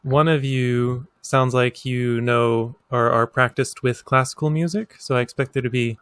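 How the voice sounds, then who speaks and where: A man hosting a casual interview, asking relaxed, curious questions. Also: medium pitch, moderate pace, clear, resonant tone.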